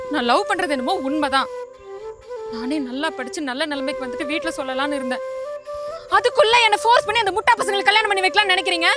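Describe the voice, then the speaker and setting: A woman's voice: very high voice, distant mic. An actress playing a young village woman who pleads with her mother to let her study, defiant and emotional. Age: young adult. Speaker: daughter in a village family. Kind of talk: scripted comedy sketch acting.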